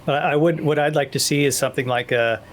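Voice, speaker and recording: A man's voice: on the high side, fairly even intonation, fast, a little hiss or hum. Joking man musing on synths. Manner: musing and joking, thinking out loud. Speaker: guest. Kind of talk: casual chat.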